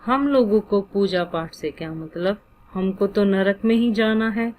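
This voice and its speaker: A woman voicing an older devout wife who answers in sharp, indignant retorts. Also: mid-range voice, measured pace, natural voice. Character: older devout wife, irritable and quick to bristle.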